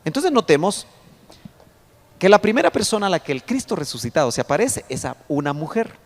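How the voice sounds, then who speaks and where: Lively male pastor in a reverberant hall. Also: high-pitched. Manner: explains verses slowly, pointing at a chart; reads scripture aloud with rising emphasis. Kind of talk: Bible study sermon.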